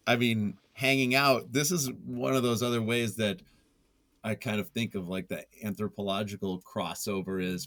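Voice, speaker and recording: This writer and journalist, a guest in an interview, has a fairly low, slightly bright voice and keeps things casual and conversational. He's self-deprecating and goofy, chuckling often, and the recording has no room sound at all.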